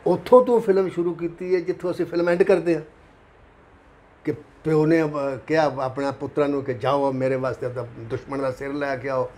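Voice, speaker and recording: A man putting on a gruff Punjabi film director. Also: on the high side, steady tone, normal speed, a little mellow, natural voice. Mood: dismissive.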